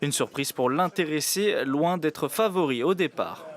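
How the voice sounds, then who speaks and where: A man narrating a local news report in a clear, paced scripted manner. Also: on the high side, lively intonation, a little slow.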